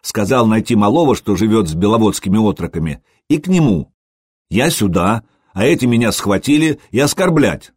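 A man voicing a hot-headed young male retainer who shouts in shrill outrage. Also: lively intonation, normal speed, breathy edge, dry recording, studio quality. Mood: complaining.

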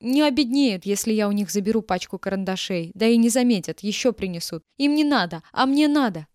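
A woman reader voicing a spiteful older woman teacher, shrill, scornful and defensive, shrieking her replies. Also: lively intonation, a little fast, a little mellow, dry recording, clean studio sound, close to an everyday voice. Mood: venomous.

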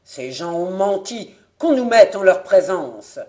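A reader voicing a proud, indignant middle-aged Frenchman, speaking forcefully in a slightly lower, louder voice. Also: expressive, unhurried. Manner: forceful, declaiming.

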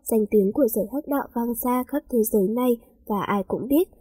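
A woman narrating a story aloud in a steady, plain reading voice. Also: fairly high pitch, brisk, slightly rough, no room sound, poor audio.

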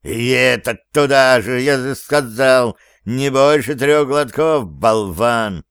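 A disdainful elf scholar, as a male narrator plays him, cool and unflappable in tone. His low, even voice is smooth and unhurried, dry and close in an audiobook reading. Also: no echo. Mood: contemptuous. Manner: icy, contemptuous, unflappable. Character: haughty elf professor, cold and disdainful.

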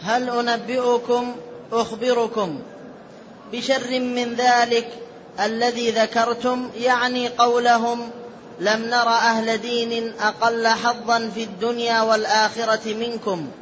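Student reader, male, very high and monotone, formal recitation, dull lo-fi recording with faint hiss. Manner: measured formal recitation with careful vowel marking. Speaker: student reading the text aloud. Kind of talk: reading a classical text aloud in a lesson.

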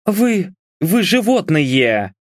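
A tense, snappish young woman lawyer, put on by a man reading an audiobook, her voice pushed well up into a higher register. She complains sharply and curses when rattled. The sound is dry and close. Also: big pitch swings, a little slow, no echo. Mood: indignant. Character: irritable blonde young woman lawyer, nervous.

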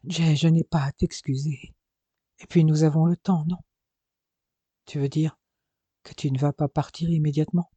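A man reading aloud as a playful, passionate young woman in an audiobook, keeping his own dark, mellow tone. The voice stays soft and level, recorded close and dry. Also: on the high side, little pitch movement, moderate pace, pauses often, husky, no echo. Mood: affectionate.

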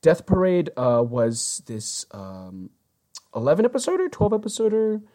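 A woman's voice: sits low, wildly swooping pitch, moderate pace, warm tone. A woman co-hosting a casual chat, rambling a little with "um" and "like" fillers. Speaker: podcast co-host.

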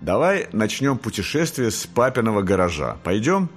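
A man's voice: lowish voice, very animated, normal speed, soft background music, pitched above the performer's own voice. A man voicing a tender young mom. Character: gentle loving young mother.

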